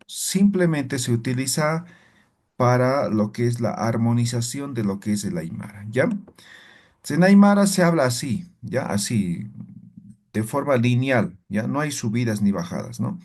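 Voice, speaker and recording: A man's voice: medium pitch, unhurried, darkish tone. A man teaching a language class, explaining step by step and checking in with frequent tag questions. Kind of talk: classroom lesson.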